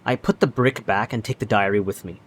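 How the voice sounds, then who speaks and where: A man's voice: fairly low pitch, fairly quick, slight background noise. A man reading a story game's first-person narration aloud as he plays. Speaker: video game player reading aloud. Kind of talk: dramatic reading of game narration.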